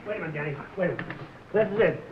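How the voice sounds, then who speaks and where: An actor playing a distracted, excitable male gag writer. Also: fairly high pitch, racing, lightly acted. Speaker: comedy writer. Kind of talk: 1950s sitcom acting. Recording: hissy muffled 1950s TV soundtrack.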